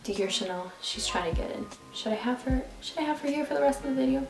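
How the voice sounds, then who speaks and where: Fast and animated, with a high voice, a New York woman in her twenties chats and rambles in her get-to-know-me vlog. She's at home recording on her phone, in a roomy-sounding room with faint music.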